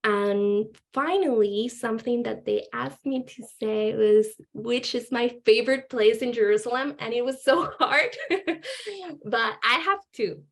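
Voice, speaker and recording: A woman's voice: a little high, unhurried, vocal fry. Chatty woman on a video call. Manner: chatty, laughs often, filler-heavy. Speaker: alumni speaker. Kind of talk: casual panel talk on video call.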